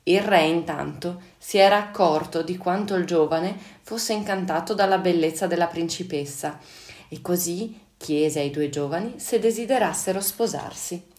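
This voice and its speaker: A woman teacher reading a children's fairy tale on radio, clear and unhurried. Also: fairly low pitch, a little mellow. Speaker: storyteller, teacher. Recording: echoey room.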